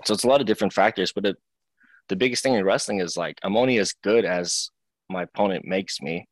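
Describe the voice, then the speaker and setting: Low-voiced young man chatting casually. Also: fast talker, dry recording. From Seattle, United States. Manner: relaxed, chatty, many fillers and restarts. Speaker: professional wrestler, guest. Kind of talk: casual interview talk.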